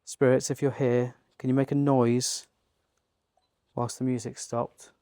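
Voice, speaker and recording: A man investigating a derelict mill, calmly calling out questions to spirits. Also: mid-range voice, unhurried, no echo. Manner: calm, keeps asking spirits questions. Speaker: paranormal investigator. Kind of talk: on-location paranormal investigation chat. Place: dark derelict mill indoors.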